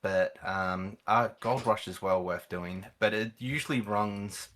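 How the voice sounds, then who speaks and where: Unhurried and conversational, this man is a guest on a chat, an experienced gamer who also organises events. His low voice has a bright, forward edge as he explains things casually.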